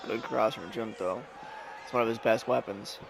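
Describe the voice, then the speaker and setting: A man's voice: fairly low pitch, steady tone, normal speed, creaky, background noise. A man giving sports commentary, introducing fighters and calling the action.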